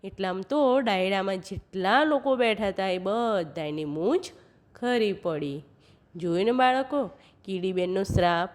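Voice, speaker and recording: A woman narrating a children's story, chanting a repeated refrain slowly and talking to the kids directly. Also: medium pitch, expressive.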